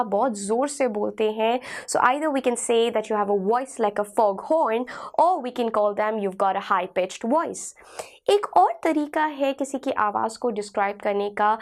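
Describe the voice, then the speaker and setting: An Indian woman teaching an online language lesson. Her voice is hoarse from a sore throat, and she speaks patiently, repeating key phrases slowly. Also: fairly high pitch. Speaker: English teacher.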